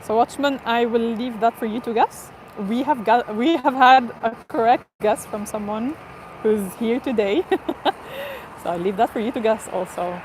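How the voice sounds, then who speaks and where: Outdoors near an airport, a livestream host chats casually with her audience, laughing frequently as she speaks accented English that is neither Portuguese nor Spanish in origin. Her voice is fairly high-pitched and she talks at a normal speed. The recording quality is low, with traffic and ambient noise behind her.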